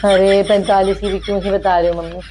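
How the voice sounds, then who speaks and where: A woman playing a daughter-in-law, patient and gently teasing. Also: mid-range voice, little pitch movement, fairly quick, background noise. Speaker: daughter-in-law in comedy sketch. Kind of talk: scripted comedy dialogue.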